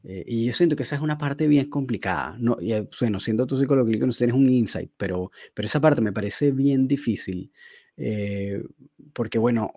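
A man's voice: mid-range voice, fairly quick, warm tone, dry recording. A man, chatting casually as a podcast co-host about dog training. He thinks aloud in loose, searching phrases. The recording is dry and close, with no room sound.

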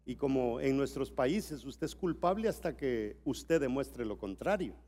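A middle-aged Salvadoran preacher speaks a little slowly and expressively in a mid-range voice. His church conference sermon drops into quiet tales, then climbs to shouted exhortation.

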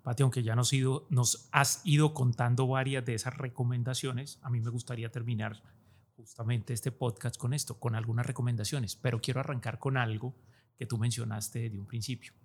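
A man's voice: mid-range voice, level tone, brisk. A man hosting a podcast and interviewing his guest. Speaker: podcast host.

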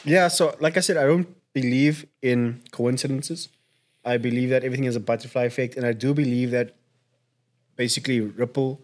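Man making his point earnestly. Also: medium pitch. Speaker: podcast host. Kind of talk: casual podcast chat.

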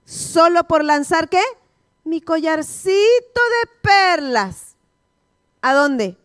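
A woman's voice: extremely high pitch, lively intonation, extremely slow, a bit bright, dry recording, clean studio sound. A woman pastor teaching a sermon, quizzing her listeners with repeated questions. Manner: call-and-response, repeated questions to the congregation.

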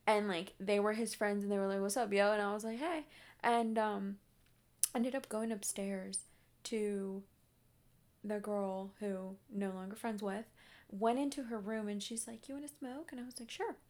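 A young woman vlogger telling a story in casual chat, animated, with lots of fillers and swearing. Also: medium pitch, measured pace.

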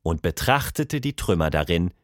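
Male children's-story narrator, very lively pitch, dramatic, dry close sound. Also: moderate pace, dry recording.

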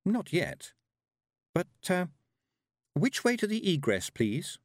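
A man's voice: sits high, big pitch swings, slow pace, no echo, voice pushed up, full character voice. A level-headed young witch girl speaking politely and earnestly, as a male narrator puts her on. The voice lifts well above the reader's normal tone, in a close, dry recording.

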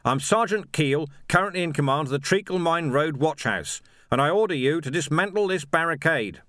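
A man voicing a gruff, weary male watch sergeant who shouts commands at a crowd in an audiobook. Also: on the high side, expressive, normal speed, no echo, studio quality, pitched above the performer's own voice. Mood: commanding. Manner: shouting orders. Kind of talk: audiobook character voice.

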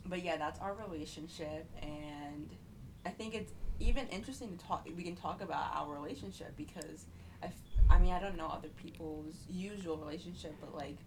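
A woman's voice: on the low side, fairly quick, background noise. A woman in her twenties co-hosting a casual podcast with her mother, chatty and full of fillers. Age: 20s. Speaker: podcast co-host, daughter. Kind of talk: casual chat.

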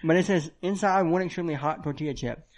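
Excitable young man with a higher voice. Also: fast talker. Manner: excitable, teasing, many fillers. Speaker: podcast co-host. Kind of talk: casual chat.

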